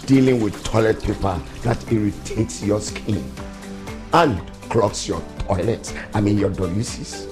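A man delivers a scripted infomercial pitch in a fairly deep voice. He takes his time, persuading like a salesman, with a music bed underneath. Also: measured pace. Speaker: advert voice-over announcer. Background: background music.

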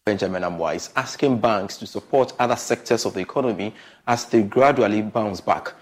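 A male business newsreader with a slightly low voice. He moves quickly through his script in a crisp bulletin style. His delivery is clean and professional. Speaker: business news presenter. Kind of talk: scripted news reading.

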